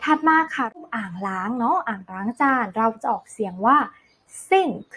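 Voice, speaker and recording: A woman teaching English to kindergarten children, saying each word slowly and clearly, repeating it, then explaining it. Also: fairly high pitch, expressive, bright, forceful tone. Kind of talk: slow vocabulary drill lesson for small children.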